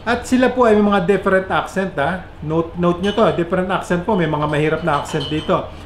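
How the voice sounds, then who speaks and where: A Filipino man with a Filipino accent talks to his viewers in a chatty vlog, switching between English and Filipino. His voice sits a little high and keeps jumping up and down in pitch and loudness. The recording sounds roomy and echoey, with a faint hiss behind it. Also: brisk. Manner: pitch and loudness swing up and down a lot. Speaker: vlogger. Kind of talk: casual vlog explainer. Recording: echoey room with faint background noise.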